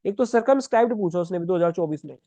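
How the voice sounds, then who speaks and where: A man's voice: sits high, animated, racing, dark tone, dry recording. A man teaching English vocabulary for exams step by step, often checking in with "है ना" as he writes words down. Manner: explains step by step, often asks "है ना", writing words as he talks. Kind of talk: exam-prep vocabulary lesson.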